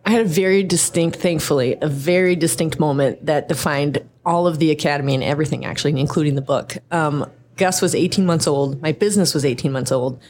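A woman with a low, deep-set voice shares personal stories as a podcast guest. She talks earnestly and chattily, full of casual fillers. She is middle-aged and from the American Midwest. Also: brisk, hardly any pauses, a little mellow. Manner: earnest storytelling, frequent "like" fillers. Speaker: podcast guest, designer and coach. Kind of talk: casual interview conversation.

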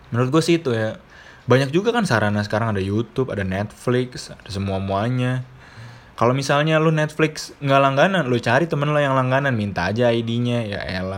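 Slangy young man from Jakarta. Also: on the low side. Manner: chatty, slangy, blunt, swears casually. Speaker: podcast host. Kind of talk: casual monologue.

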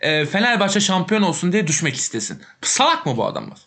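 Young man, rapid talker, brushes off points, casual football chat. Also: sits high, sing-song, sharp tone. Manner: quick, dismissive, argumentative.

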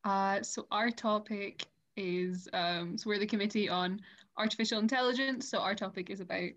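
A woman's voice: medium pitch, fairly even intonation, moderate pace, fairly bright tone. A young woman of eighteen from Scotland, a committee chair explaining her topic articulately with frequent ums. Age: teens. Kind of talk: casual interview answers.

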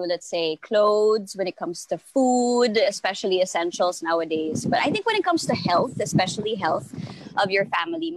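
A Filipino woman with a lively, swinging delivery, talking like a show co-host. She slips easily between English and Tagalog, recorded dry and close. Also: medium pitch, no room sound, rough recording. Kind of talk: casual panel talk moving into conversational ad read.

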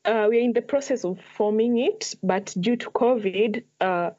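A woman's voice: fairly high pitch, moderate pace, mellow, dull audio. A young woman from Kenya with a Kenyan accent, answering questions casually as a podcast guest. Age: young adult. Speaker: podcast guest, ice hockey player.

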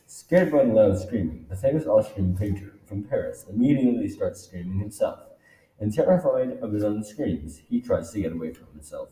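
A man's voice: lowish voice, mellow. Mock-dramatic male narrator in an echoey room. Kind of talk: goofy amateur comedy narration.

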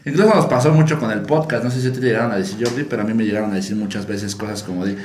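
A man's voice: lowish voice, very fast, a little mellow, slight background noise. A man with a Mexican accent hosting a podcast, musing aloud and asking rhetorical questions. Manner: reflective, asks rhetorical questions. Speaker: podcast host. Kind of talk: casual podcast chat. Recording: echoey room.

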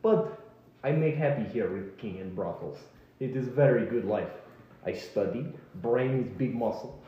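A man's voice: medium pitch, lively intonation, moderate pace, heavy reverb, dull audio, close to an everyday voice. Man doing a burly Russian-accented brute. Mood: proud. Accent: Russian-sounding put-on accent. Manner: broken, clipped English. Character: huge bald mustached man, boastful, broken English.

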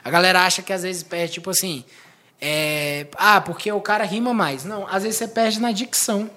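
A man talking quickly and casually in slangy street talk, an MC explaining rap battles and sometimes acting out rhymes. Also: sits high, pushed and bright. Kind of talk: casual podcast chat.

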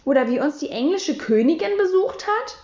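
A woman reading a children's story, voicing a loud, excitable and boastful young schoolboy with eager, exclaiming lines. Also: high-pitched, normal speed, reverberant, lo-fi sound, pitched above the performer's own voice. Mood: insistent.

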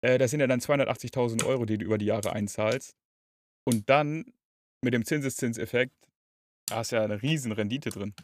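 A man chatting casually as an interviewer, colloquial and quick to chime in with agreement. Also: mid-range voice, a little hiss or hum. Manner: colloquial, reacts with short affirmations. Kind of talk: casual chat.

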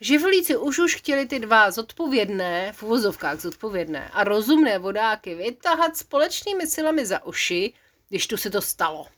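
A mother reading a bedtime story to her child, playful and lively. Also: medium pitch.

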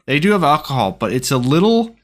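A man's voice: a little high, sing-song, brisk. A young man co-hosting a casual podcast chat, rambling with hesitant restarts. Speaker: podcast co-host.

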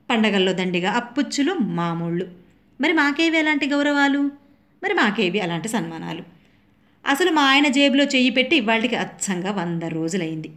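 A middle-aged woman reading a humorous story aloud with dramatic, expressive delivery. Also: a little high. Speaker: narrator.

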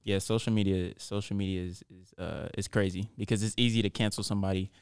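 A man's voice: low-pitched, steady tone, quick pace, smooth, no echo, clean studio sound. A young man hosting a casual group chat, laid-back and slangy, bringing up topics. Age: young adult.

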